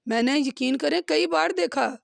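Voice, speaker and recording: A female religious teacher gives a Quran lesson with commentary, earnestly explaining verses and checking in with listeners with a questioning "hmm?" Her voice is high-pitched and gravelly at a measured pace, recorded cleanly in a studio with no echo.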